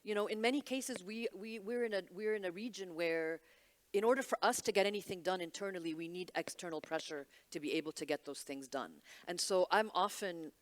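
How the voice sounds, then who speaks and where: A woman's voice: lowish voice, brisk. A woman from Egypt speaks on a summit panel in a candid, wry way. She restarts her sentences often and leans on fillers as she works through her point. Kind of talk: panel discussion.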